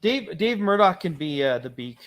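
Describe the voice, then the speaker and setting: A man with a somewhat high voice co-hosts a relaxed livestream chat. He rambles, restarts his sentences, and laughs along with his friends. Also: normal speed. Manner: rambling, self-correcting, laughs often. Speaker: podcast co-host.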